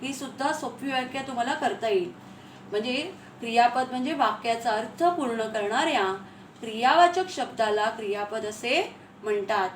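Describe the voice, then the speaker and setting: High-voiced woman teaching grammar. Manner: repeats key phrases slowly, asks questions to the class. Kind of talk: classroom grammar lesson. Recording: echoey room, faint ambient noise.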